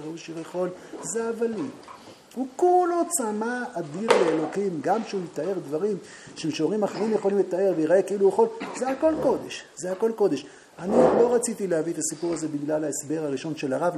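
Warm-voiced man teaching a Torah class. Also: high-pitched, a little hiss or hum. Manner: animated storyteller who addresses the class and swells to loud outbursts. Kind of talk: Talmud lesson with storytelling.

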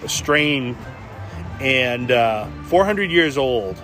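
A man hosting a casual podcast, relaxed as he reads out and talks over news stories. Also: medium pitch, extremely slow, faint music behind. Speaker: podcast host.

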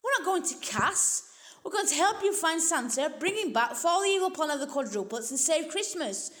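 Casting: woman as bold, take-charge heroine for audio drama, high-pitched voice. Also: very animated, moderate pace, fairly bright tone. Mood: plucky. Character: plucky, bossy female would-be rescuer.

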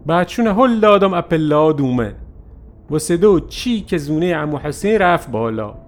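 A man narrating a first-person story in a lively, animated way. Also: a little high.

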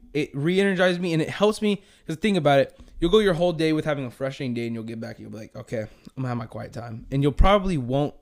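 A young man hosting a casual faith chat, rambling and saying "dude" a lot. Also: a little high. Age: young adult. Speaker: podcast host.

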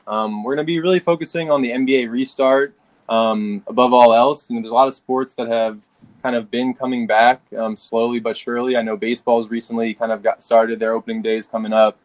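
A man's voice: medium pitch, steady tone, a little fast, no room sound. Young Philly guy rambling on a podcast. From Philadelphia, USA. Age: 20s. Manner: rambling, many fillers and restarts. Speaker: podcast co-host. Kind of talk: casual podcast chat.

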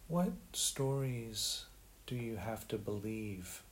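Slow, low-voiced man guiding meditation. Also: animated. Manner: gentle, unhurried, with long pauses. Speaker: meditation guide. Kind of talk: guided meditation. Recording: faint background hiss.

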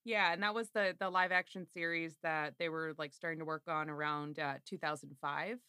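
A woman's voice: sits low, steady tone, a little fast, bright, forceful tone, smooth, no room sound, clean studio sound. A hungover woman podcast host chatting casually, fumbling for words and prone to giggling. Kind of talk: casual fan podcast chat.

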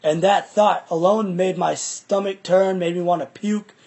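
Young male, raspy and gravelly, casual reflective chat with halting phrasing. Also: sits high, steady tone, darkish tone. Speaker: musician.

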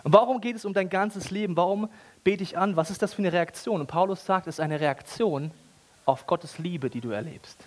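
A man's voice: sits high, brisk. A man preaching a casual, ironic sermon with everyday language and humor. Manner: animated, ironic, colloquial.

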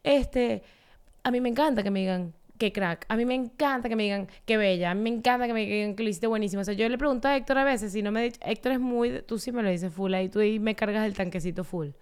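A woman in her thirties, co-hosting a podcast in casual chat, animated and acting out quotes as she tells stories. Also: medium pitch, fast, clear, resonant tone. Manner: animated storyteller, acts out quotes. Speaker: podcast co-host.

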